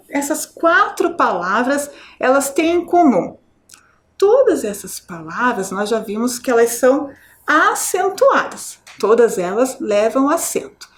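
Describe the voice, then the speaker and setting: On a televised children's lesson, a high-voiced woman teacher with a Brazilian Portuguese accent breaks words down syllable by syllable. Her explanations are slow and clear, and she pauses to ask the kids questions.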